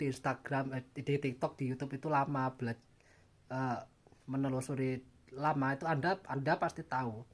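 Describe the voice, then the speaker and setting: Emphatic man, mocking. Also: medium pitch. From Java, Indonesia. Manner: emphatic, repeats himself, mocking asides. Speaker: channel host. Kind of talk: casual opinion monologue.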